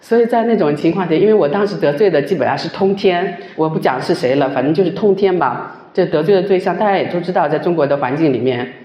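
A woman's voice: low voice, quick pace, few pauses, warm tone, reverberant. A woman giving a personal faith testimony at church, emotional and stretching out the particles at the ends of her sentences.

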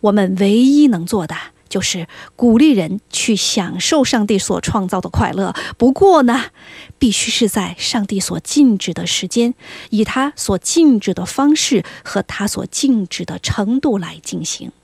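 A woman voicing a sly, scheming devil, speaking slowly and with mock confidence. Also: mid-range voice, expressive, gravelly, a little mellow, husky, dry recording, exaggerated voice.

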